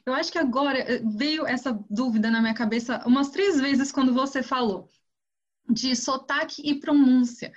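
Woman hosting a podcast, upbeat and friendly, voice a bit high, muffled lo-fi audio. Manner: friendly, enthusiastic, polite. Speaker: podcast host. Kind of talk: interviewing a guest. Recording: dull lo-fi audio.

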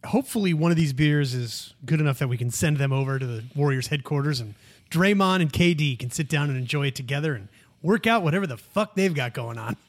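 Guy with a lightish higher voice, cohosting a podcast, casual chat, cracks jokes. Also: expressive, quick pace. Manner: joking, wisecracking, profane. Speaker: podcast co-host.

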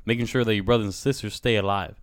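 Male, lowish voice, talkative and emphatic casual conversationalist, close dry sound. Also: steady tone, fast, dry recording. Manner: emphatic, talkative, says "bro" often.

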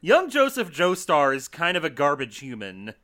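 A man co-hosting a casual podcast chat, blunt and animated, swearing freely. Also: on the high side, moderate pace.

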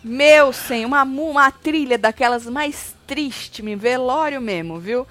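A woman's voice: high-pitched, measured pace, a little hiss or hum. A woman co-hosting a casual reality show recap, chatty and teasing. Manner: chatty, teasing, animated storytelling. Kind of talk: casual gossip chat.

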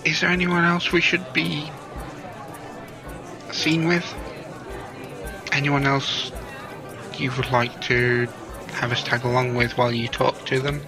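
A man voicing a courteous gentleman character who speaks in a polite, measured way. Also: medium pitch, level tone, over music, a crowd in the background, rough recording.

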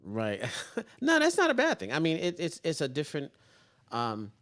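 A man hosting a casual interview, repeating phrases and filling pauses with um and you know. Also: on the high side, wildly swooping pitch, a bit bright. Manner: repeats words, laughs, many fillers. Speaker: interview host.

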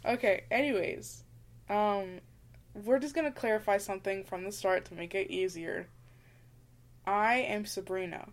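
A woman with a slight lisp co-hosts a podcast, bantering casually in a bossy, teasing way. Her voice is mid-range at a measured pace, recorded close to a shared podcast mic.

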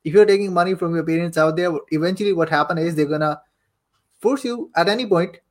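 This young adult podcast guest, raised in Saudi Arabia and later Pakistan, talks fast in a slightly high voice. An affiliate marketer and coach, he recounts his life casually in an interview, chatty and informal, repeating a phrase to drive points home.

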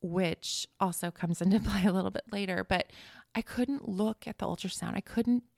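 A woman's voice: medium pitch, moderate pace, gravelly, a little mellow, no echo, studio quality. A woman guest in a podcast interview, recounting a personal story in an earnest, emotional way with many restarts.

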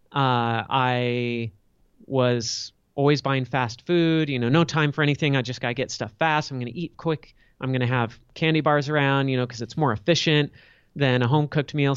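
A man's voice: mid-range voice, clean tone, no room sound, dull audio. Middle-aged male podcast guest; candid, reflective, dry close sound. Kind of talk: candid storytelling interview answers.

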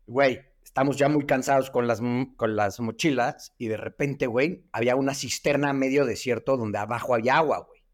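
Easygoing Mexican co-host, middle-pitched, loose slangy talk. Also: male voice, a little fast. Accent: Mexican Spanish. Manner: laid-back, slangy, fills with "güey" and "este". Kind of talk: casual chat.

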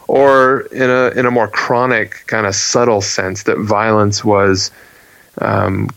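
A man telling a personal story as a guest in a casual interview, earnest and animated, often restarting his phrases. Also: fairly low pitch, no echo, muffled recording.

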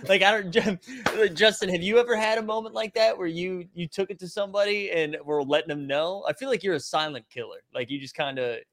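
A man with a slightly high voice chats casually as a podcast co-host. He laughs readily and breaks in with quick questions. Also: fairly bright tone. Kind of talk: casual chat.

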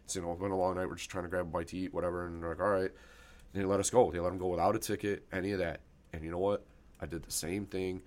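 Fast-talking deep-voiced male host. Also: level tone, darkish tone. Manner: rapid, rambling anecdotes with acted-out quotes. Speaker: podcast host. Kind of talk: casual storytelling chat.

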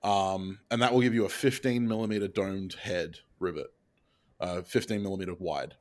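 A man's voice: low voice, fairly even intonation, moderate pace, a little mellow. A man giving casual, plain-spoken instruction as a blacksmith podcast host.

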